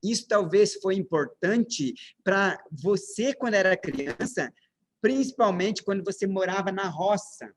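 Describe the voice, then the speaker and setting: Walking through his slides like a teacher, a parenting speaker with a high, light voice and a Brazilian Portuguese accent keeps asking the room questions and then answering them himself. His delivery is steady, emphatic and measured, with slight background noise.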